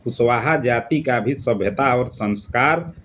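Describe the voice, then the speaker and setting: A man's voice: medium pitch, unhurried, a bit bright, slight background noise. A man from Bihar, giving an earnest, emphatic solo political commentary.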